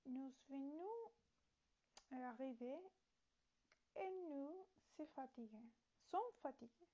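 A woman's voice: high voice, animated, mellow, muffled recording. A woman reading a French lesson aloud and translating it, hesitant and correcting herself. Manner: slow, hesitant reading with fillers and self-corrections. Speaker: language learner.

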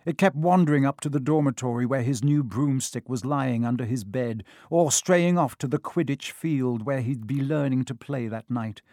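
A man narrating a children's storybook in a measured, expressive way. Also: mid-range voice, no echo, studio quality. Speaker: audiobook narrator.

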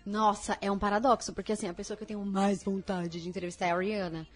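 A woman from the interior of São Paulo state, Brazil, appears as a guest in a casual interview, laughing a lot and acting out the lines she quotes. She talks fast in a mid-range voice with little pitch movement, and faint music plays behind her.

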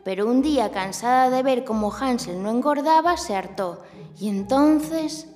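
A woman's voice: high-pitched, a little slow, a little mellow, in a large hall. A woman speaking like a kids show host, narrating a scripted children's story to young listeners. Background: music.

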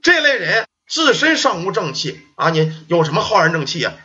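A man's voice: high voice, very animated, sharp tone, highs cut off, full character voice. Man doing an old pleading ghost. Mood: earnest. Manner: slow, pleading, old-fashioned formal speech.

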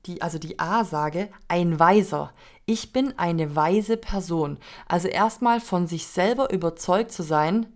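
Earnest woman coaching her listeners. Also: mid-range voice. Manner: earnest, coaching, addresses listener directly with rhetorical questions. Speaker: podcast host. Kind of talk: motivational podcast monologue.

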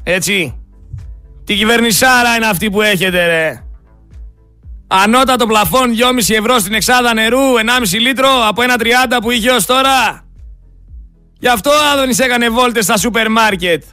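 A man's voice: very high voice, sharp tone, no echo, faint music behind. A man hosting a radio show, giving angry, sarcastic political commentary and talking straight to his listeners. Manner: indignant, sarcastic, addresses listeners as friends. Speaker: radio host.

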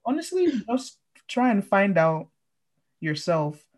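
Young woman, podcast co-host, laughs a lot, halting and chatty, middle pitch. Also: very animated, a little mellow. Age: 20s. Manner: laughs often, halting restarts. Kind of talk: casual chat.

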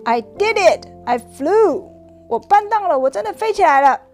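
A woman's voice: sing-song, moderate pace, darkish tone, soft background music. A woman voicing an eager young female pig in a storybook read-aloud, squealing and bouncy. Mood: triumphant. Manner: squealing, bouncy, high-pitched delivery.

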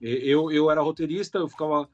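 Brazilian man, comedian guest, casual slangy talk, higher pitch. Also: fast talker, muffled recording, soft background music. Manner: relaxed, slangy, swears casually. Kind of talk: casual interview chat.

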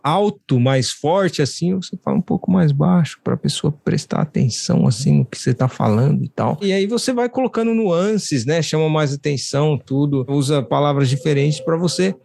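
Brazilian man, podcast host, casual chat, deep gravelly fry, dry close sound. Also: expressive, normal speed, hardly any pauses, a little mellow, dry recording. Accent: Brazilian Portuguese.

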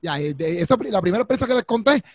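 A man's voice: high voice, animated, dry recording, studio quality. A man telling a slangy personal anecdote in casual chat. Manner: slangy, quick anecdotal storytelling.

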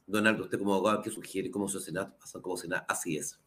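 A Chilean man, a lawyer hosting his own program, delivering impassioned political commentary with a hoarse, sore throat, asking the audience rhetorical questions. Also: low-pitched, steady tone, rapid-fire, a bit bright. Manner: indignant, rhetorical questions, addresses the audience directly.

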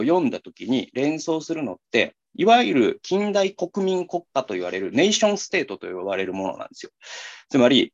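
A man's voice: mid-range voice, highs cut off. A man hosting a talk, explaining at length in a casual, rambling way with many fillers and restarts. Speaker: talk show co-host.

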